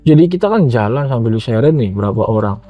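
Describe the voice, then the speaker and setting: Middle-aged Indonesian male storyteller, casual and animated with quoted dialogue, lo-fi sound over a soft music bed. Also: mid-range voice, fast talker. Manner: animated retelling with acted-out quotes. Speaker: guest telling his own story. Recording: dull lo-fi audio with background music.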